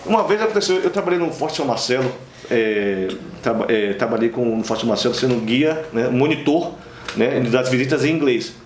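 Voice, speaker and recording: Fast-talking Bahian man telling anecdotes. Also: mid-range voice, lively intonation, echoey room, slight background noise. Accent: Bahian Portuguese. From Brazil, Bahia. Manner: rambling anecdotes with many fillers and restarts. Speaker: interview guest, singer. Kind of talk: casual interview chat.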